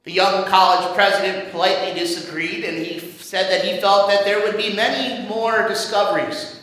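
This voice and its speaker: A male pastor with a high, bright voice tells the sermon's story in a measured, dramatic way. His voice rings out through a large church, with a long, echoing reverb trailing every phrase. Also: steady tone. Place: church sanctuary. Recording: echoey church hall reverb.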